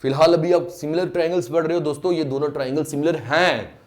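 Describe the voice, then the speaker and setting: A man's voice: on the high side, fast talker. A male maths teacher giving an online lecture, explaining step by step, repeating key terms, drawing out English phrases and often checking that students follow. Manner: mixes in English phrases, drawn out when stressed.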